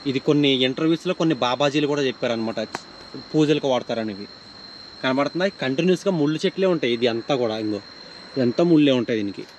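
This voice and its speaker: Excitable ghost-hunting vlogger man in a forest. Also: mid-range voice, fast talker, a little hiss or hum. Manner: addresses viewers as "guys", shouts and yells when scared. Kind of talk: excitable horror vlog narration. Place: outdoors in a forest. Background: background music, crickets.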